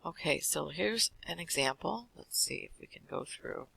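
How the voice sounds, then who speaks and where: A man teaching an accounting class, walking through lecture slides quickly with casual fillers. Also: fairly high pitch, lively intonation, vocal fry, sharp tone, husky, poor audio. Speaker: accounting instructor.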